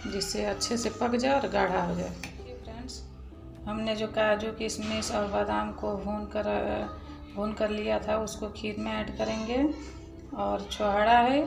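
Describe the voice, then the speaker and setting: A woman hosting a cooking channel, talking viewers calmly through a recipe step by step in a voice-over. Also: medium pitch, gravelly. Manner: calm step-by-step explaining, addresses viewers as friends. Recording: echoey room with music behind.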